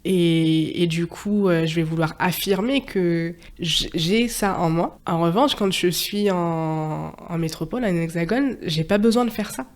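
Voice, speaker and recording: A young woman from France who spent part of her childhood in Martinique gives casual testimony as a podcast guest. She speaks hesitantly in a lowish voice, a little slowly and with hardly any pauses, full of fillers and frequent laughter.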